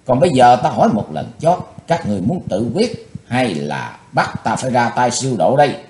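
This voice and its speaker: A man's voice: mid-range voice, big pitch swings, moderate pace, a little mellow, voice pushed up. A man voicing a cold, ruthless young male swordsman who gives icy, commanding threats. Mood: cold, menacing. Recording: roomy echo.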